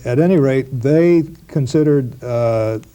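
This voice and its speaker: In what sounds like a 1990s broadcast interview, a professor explains history in a slow, lecture-like way. His mid-range voice is mellow, soft-edged and clean in tone. He halts often, with many fillers, repeated words and restarts.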